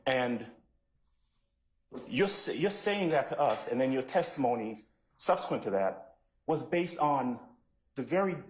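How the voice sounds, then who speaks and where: A man questioning a witness as a defense attorney in court, putting pointed leading questions in deliberate phrases. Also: medium pitch, lively intonation. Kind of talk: courtroom cross-examination. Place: courtroom, indoors. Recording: echoey courtroom sound.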